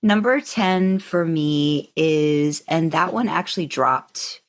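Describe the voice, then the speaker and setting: This woman's voice sits low and she takes her time. She's a professional narrator co-hosting a podcast, chatting casually as a fan and sharing views full of hedging asides.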